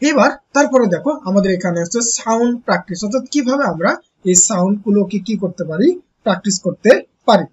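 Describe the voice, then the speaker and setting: A teacher gives an online textbook lesson to young pupils. The teacher asks rhetorical questions and answers them, slowly repeating key words. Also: mid-range voice, animated, lo-fi sound, slight background noise.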